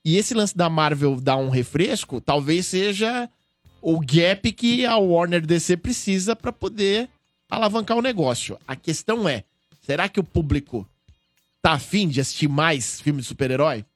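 A Brazilian man with a Brazilian Portuguese accent hosting a casual chat, telling animated, slangy stories. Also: on the high side, moderate pace, no room sound, clean studio sound, soft background music. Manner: animated, slangy, excitable storytelling. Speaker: show host.

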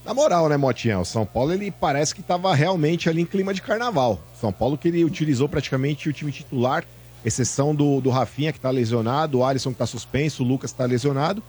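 A man's voice: a little high, quick pace, a little mellow, slightly rough. A Brazilian man bantering as a panelist on a sports radio show.

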